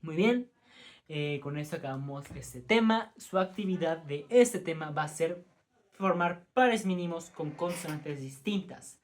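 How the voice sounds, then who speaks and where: A man presenting a lesson to a class as the teacher, often stumbling over terms and correcting himself, with informal asides to listeners. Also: fairly high pitch.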